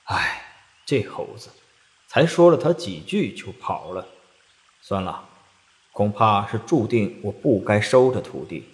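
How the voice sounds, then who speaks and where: A man voicing a gentle, preachy male monk in a children's story, speaking slowly and solemnly. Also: mid-range voice, expressive, slightly rough. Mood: sighing. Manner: slow, solemn, reproachful.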